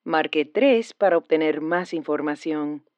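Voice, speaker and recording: Slow, measured woman reading a phone message. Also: sits low, no room sound, muffled recording. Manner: measured, even informational delivery. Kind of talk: scripted health information phone message.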